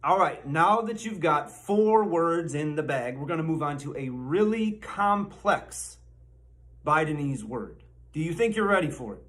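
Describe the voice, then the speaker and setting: A man hosting a comedy channel, sarcastically teaching mock words and drawing them out slowly. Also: a little high, expressive, fairly bright tone. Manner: sarcastic, slow over-enunciation. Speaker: channel host. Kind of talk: mock-lesson commentary.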